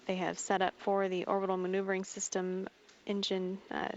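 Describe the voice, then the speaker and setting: A woman giving measured, formal live spaceflight commentary as a mission control announcer. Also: medium pitch, completely flat delivery. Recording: dull broadcast audio with faint noise.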